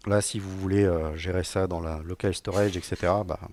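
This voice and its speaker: This conference speaker, a middle-aged man and technical director, has a low, slightly mellow voice with fairly even intonation and a somewhat quick pace. He live-codes for a room audience, talking loosely, joking dryly, and filling pauses often.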